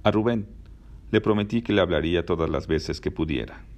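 A man voicing a calm, gentle teenage girl, in a read-aloud novel. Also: deep voice, fairly quick, lightly acted. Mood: placid. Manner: placid, gentle.

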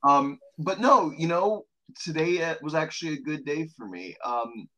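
A man's voice: a little high, lively intonation, normal speed, bright, forceful tone, poor audio. A man co-hosting a casual podcast, rambling through stories with sardonic humor and frequent swearing. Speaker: podcast co-host.

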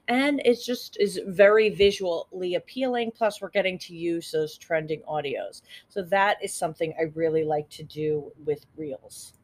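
A woman hosting a podcast on her own, giving social media tips in a chatty, upbeat way and laughing at her own jokes. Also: low-pitched. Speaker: podcast host. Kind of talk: casual solo podcast tips.

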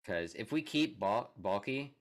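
A man's voice: lowish voice, lively intonation, takes it slowly. A young man co-hosting a casual sports podcast, reading statements aloud with joking asides and frequent laughs. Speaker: podcast co-host.

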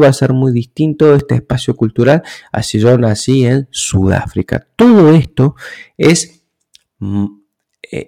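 A man giving an explanatory talk in a measured way, often checking in with the listener through rhetorical questions. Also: mid-range voice, vocal fry, dark tone, poor audio.

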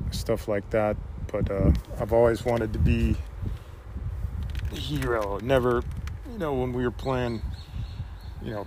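A man telling a personal story in a halting way, full of "you know" fillers. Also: fairly low pitch, a little mellow, slight background noise, poor audio.

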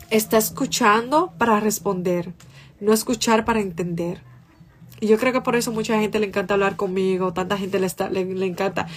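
A woman hosting a casual livestream, speaking passionately and emphatically while addressing her viewers directly and answering their comments. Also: medium pitch. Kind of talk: casual live chat.

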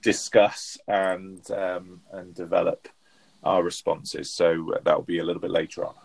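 A man co-hosting a show, speaking in a measured, thoughtful casual chat. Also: deep voice, completely flat delivery, creaky, low-quality recording. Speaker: podcast co-host.

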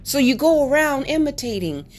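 A woman's voice: high voice, big pitch swings, normal speed, faint music behind. Earnest woman telling her own story. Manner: earnest, candid, softly reflective. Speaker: podcast host. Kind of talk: personal storytelling monologue.

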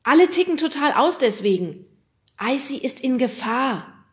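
A woman reading an audiobook, voicing a grumpy, agitated boy who talks loudly and sounds exasperated. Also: medium pitch, a little fast, voice pushed up, lightly acted. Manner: loud, exasperated.

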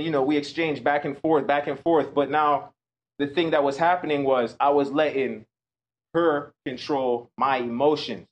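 A man giving a keynote talk to high school students, telling a personal story with emphatic delivery. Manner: storytelling, emphatic, acts out quoted voices. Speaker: motivational speaker.

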